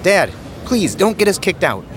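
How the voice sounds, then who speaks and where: A man's voice: high voice, very animated, normal speed, fairly bright tone, faint music behind. A man playing an eager, flustered son. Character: eager affectionate grown son. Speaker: son and husband.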